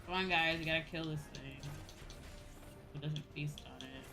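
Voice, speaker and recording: This is casual gaming stream chat from a woman who plays online games while talking to viewers, with some casual swearing and game music behind her. Her voice is low, with fairly even intonation and a moderate pace.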